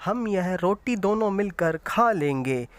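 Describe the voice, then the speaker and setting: A man's voice: sits high, lively intonation, takes it slowly, dry recording. A man doing a kind, earnest female goat. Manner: scolding then generous, earnest.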